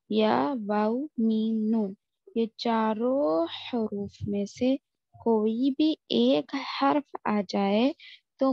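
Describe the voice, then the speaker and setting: A woman teaching a tajweed lesson, explaining rules quickly and then drawing out recited Arabic examples very slowly. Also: on the high side, breathy edge, no echo. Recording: dry, dull lo-fi audio.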